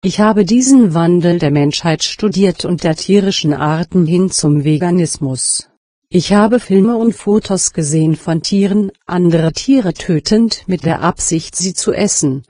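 Mellow synthetic narrator of unclear sex. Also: mid-range voice, measured pace, no room sound, clean studio sound. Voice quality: synthetic computer voice. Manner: stilted, literal reading. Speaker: audiobook reader. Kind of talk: scripted narration.

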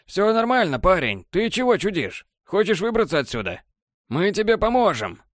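A man voicing a wary male stalker leader who speaks in a calm, measured way. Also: high-pitched, no room sound, clean studio sound, pitched above the performer's own voice. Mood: placating.

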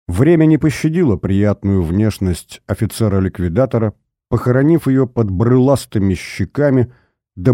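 A man narrating a novel in a steady, measured storytelling manner. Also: on the low side, no room sound, clean studio sound. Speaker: audiobook narrator.

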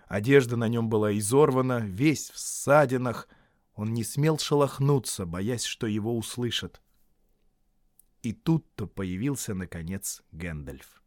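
Мужчина читает аудиокнигу размеренно, понижая голос в конце фраз. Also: male voice, medium pitch, a little mellow, dry recording, studio quality. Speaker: audiobook narrator. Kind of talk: scripted narration.

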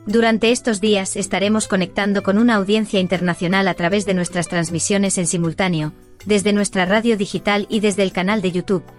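A woman reading a scripted radio promo in a friendly, clear manner. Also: mid-range voice, steady tone, brisk, soft background music. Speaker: promo announcer.

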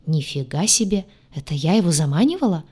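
A woman's voice: low voice, fairly quick, slightly rough. Woman reading a wry audiobook. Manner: wry, animated first-person storytelling. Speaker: audiobook narrator.

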